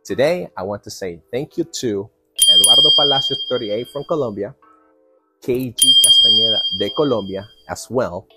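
A man's voice: medium pitch, normal speed, loud music behind the voice. A middle-aged man hosting an English lesson to camera from a porch, speaking in an emphatic, instructional way. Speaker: English teacher, host. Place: covered porch outdoors.

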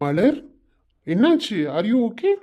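A man's voice: high-pitched, very animated, slow pace, dark tone, heavily acted. A man voicing a polite, teasing young groom-to-be with a southern Tamil Nadu accent. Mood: gentle.

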